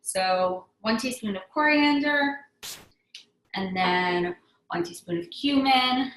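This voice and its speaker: Her voice is a little high, slow and a bit bright, captured with poor audio in an echoey room with slight background noise. She's a young woman, Hebrew her first language, eagerly talking through a casual cooking class at home with plenty of ums and restarts.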